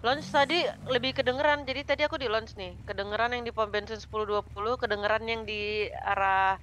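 A woman in a game roleplay who talks bluntly, gets heated fast and swears. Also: on the high side, fairly bright tone, slight background noise. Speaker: roleplay gang member. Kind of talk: casual in-character roleplay chat.

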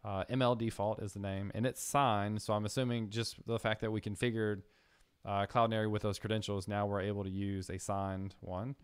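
A young man hosting a coding live stream, thinking aloud with fillers and getting excited. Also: on the low side, a little fast, smooth, no room sound, clean studio sound. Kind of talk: casual live-coding chat.

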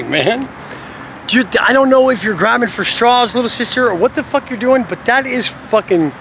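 A man's voice: high-pitched, creaky, a bit bright, a little hiss or hum. A middle-aged man venting in a rambling, profane monologue to camera, swearing constantly and laughing now and then. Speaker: vlogger.

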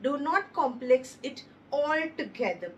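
Heard from a distant mic with dull audio and faint hiss or hum, a high-pitched woman with lively intonation leads a phonics lesson. She goes slowly, sounding out each letter and stressing each word, praising the kids encouragingly and addressing them as babies.

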